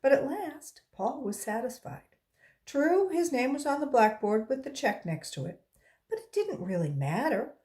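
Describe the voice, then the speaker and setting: A woman volunteer reads aloud to children with expressive storytelling, acting out the dialogue with emphasis. Her voice is high-pitched, and she speaks at a moderate pace.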